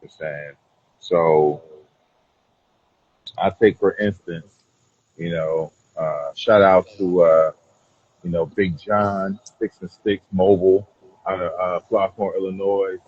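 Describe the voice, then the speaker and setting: A man's voice: low-pitched, steady tone, takes it slowly, long pauses, a little mellow, husky, lo-fi sound. A man talking casually as an interview guest, rambling and often checking in with the listener. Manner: rambling, repeats "you know what I'm saying". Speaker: cigar brand owner being interviewed.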